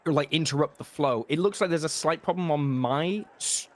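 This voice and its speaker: A man with a higher-pitched voice talks in a streamed tabletop game. He speaks hesitantly, filling gaps with lots of ums and likes. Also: moderate pace, a little hiss or hum. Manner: hesitant, many fillers. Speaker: player.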